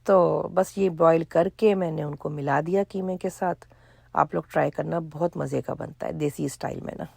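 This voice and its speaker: Woman, middle-aged, hoarse, gravelly, dry close sound, chatty cooking vlog. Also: low-pitched, fairly even intonation, darkish tone, no echo. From Pakistan. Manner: chatty, storytelling with asides and quoted dialogue. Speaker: vlogger. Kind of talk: casual cooking vlog chat.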